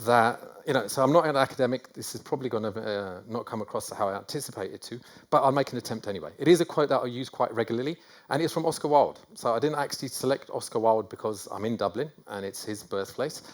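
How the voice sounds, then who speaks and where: Self-deprecating North London man presenting. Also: medium pitch. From England. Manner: self-deprecating, rambling with many fillers and restarts. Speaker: conference speaker. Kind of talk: conference presentation. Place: conference hall.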